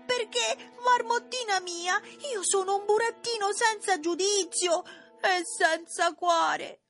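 A shrill, high little puppet boy, sobbing and pleading in slow, stretched-out wails. He whines about his fate in a storybook reading. Soft music runs beneath the voice. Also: heavily acted. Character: tearful, whiny wooden puppet boy. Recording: music playing underneath.

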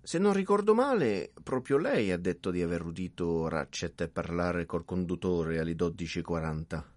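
Radio play: an animated, chatty director, low, husky and swinging in pitch. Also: male voice, moderate pace, no echo. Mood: excited. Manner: animated, exclamatory. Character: excitable, talkative male railway director.

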